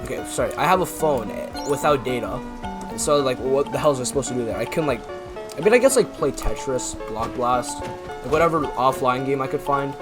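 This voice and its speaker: With music playing behind him, a young man from Canada talks through his gameplay as a YouTuber in a rambling, filler-heavy way with self-deprecating remarks. His voice is mid-range, animated, and a little quick.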